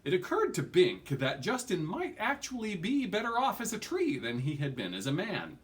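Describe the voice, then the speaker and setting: This audiobook reader, a man in his forties, has a high voice whose pitch swoops wildly as he moves at a moderate pace through a fantasy novel. He records at a home desk in a small furnished room, adding dramatic emphasis and occasionally stumbling.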